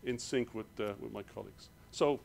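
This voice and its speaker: A man with an Irish accent, giving a hurried conference presentation in a hall. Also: medium pitch, creaky, a little mellow, slight background noise. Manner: rushed, hurried delivery. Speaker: conference speaker.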